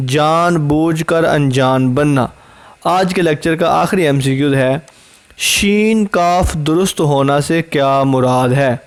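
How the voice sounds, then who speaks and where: A man's voice: a little high, smooth. A man with a Pakistani accent and a slightly raised voice teaches an exam-prep lesson. He works steadily through multiple-choice questions, reading every option before firmly restating the answer. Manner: measured, reads each option then repeats the answer.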